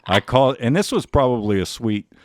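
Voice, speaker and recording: A man's voice: medium pitch, lively intonation, a little fast, no room sound, studio quality. A man hosting a comedy show, telling stories and running a quiz with wry sarcasm. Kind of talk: comedic monologue and game hosting.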